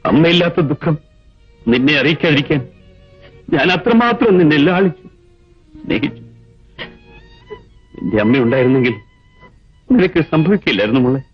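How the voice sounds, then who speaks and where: A remorseful old father, lively pitch. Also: moderate pace, pauses often, husky. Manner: tender, pleading, emotional. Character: remorseful aging father pleading with his daughter. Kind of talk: 1980s film drama acting. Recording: dull old film soundtrack with music.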